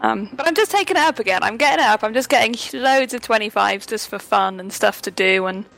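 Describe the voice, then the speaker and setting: A woman with a fairly high, very bright voice co-hosts a relaxed gaming podcast. She is playful and teasing, with a mock-sulky edge, and faint music sits beneath her. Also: fast, gravelly, poor audio. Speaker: podcast co-host. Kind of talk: casual gaming podcast chat.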